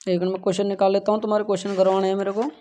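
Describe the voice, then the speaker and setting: A male physics teacher with a high voice talks rapid-fire in a completely flat, dark-toned delivery, lecturing his class and earnestly pleading with students, often asking if they follow and saying "yaar". He stands in a classroom with a board, captured on a dull lo-fi classroom recording.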